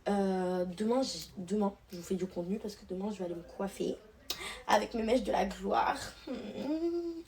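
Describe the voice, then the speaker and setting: A woman's voice: mid-range voice, moderate pace. Chatty young woman vlogging to camera. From Réunion. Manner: chatty, excitable, addresses her viewers as girls. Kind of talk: casual vlog chat to camera.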